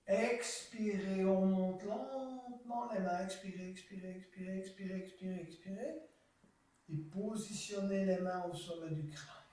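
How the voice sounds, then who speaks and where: Man, yoga teacher, high voice, slow, calm breathing cues, echoey room, far from the mic. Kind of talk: guided yoga class instruction.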